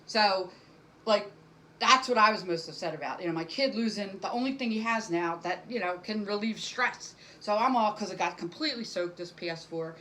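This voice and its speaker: A woman's voice: medium pitch, moderate pace, pushed and bright, a little hiss or hum, low-quality recording. A middle-aged woman doing a casual stand-up monologue to camera from home, rambling and self-deprecating with many fillers. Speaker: stand-up comic.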